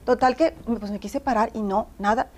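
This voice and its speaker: A woman's voice: fairly high pitch, moderate pace. A woman telling her story in casual conversation, acting out dialogue and laughing often.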